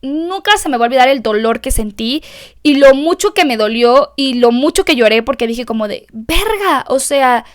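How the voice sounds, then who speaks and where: A woman's voice: high voice, moderate pace, smooth. A young woman with a Mexican accent hosting a solo podcast, talking candidly and emotionally to her listeners and swearing freely. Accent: Mexican Spanish. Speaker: podcast host. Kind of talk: confessional solo podcast monologue.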